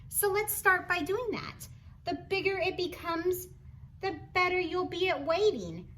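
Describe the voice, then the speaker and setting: There's some light noise behind this high, bright-voiced woman as she reads a children's book aloud at a slightly slow pace. Teacherly and expressive, she keeps stepping away from the text for encouraging comments and questions.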